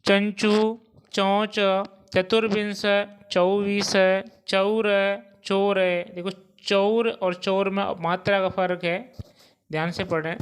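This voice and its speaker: Male teacher drilling word lists, very slow and measured, smooth clear voice. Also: sits high, level tone. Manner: slow, deliberate recitation of vocabulary lists with pronunciation reminders. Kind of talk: Hindi grammar lesson, reciting word pairs.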